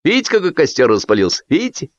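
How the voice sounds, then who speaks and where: A man's voice: a little high, huge pitch swings, rapid-fire, no room sound, voice pushed up. A man reading an audiobook plays a wry young man making mocking, ironic remarks. The recording is dull and dry.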